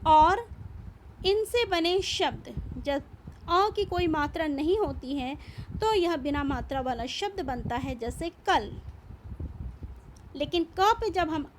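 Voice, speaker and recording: Lady teaching grammar real slow, explains everything twice, soft hiss behind. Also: high-pitched, lively intonation. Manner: patient, explains step by step and repeats. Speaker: school teacher. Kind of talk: slow classroom grammar lesson.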